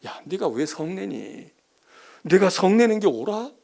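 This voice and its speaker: A man voicing a patient, fatherly God who coaxes a sulking child softly and slowly, in a sermon. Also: high voice, very animated, gravelly, heavily acted. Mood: coaxing. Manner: soft, slow coaxing.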